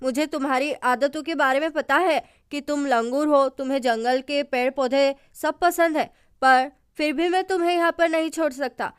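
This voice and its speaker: An earnest, fussing man who lectures a friend out of worry, read by a woman narrator. High and quick in delivery, recorded close and dry. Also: fairly even intonation, no room sound, natural voice.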